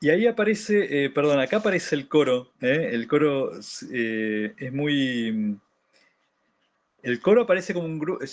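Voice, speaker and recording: Hesitant man commenting a text. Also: on the high side. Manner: hesitant, many restarts and filler sounds. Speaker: reading group leader. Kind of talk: commented reading of a classic text.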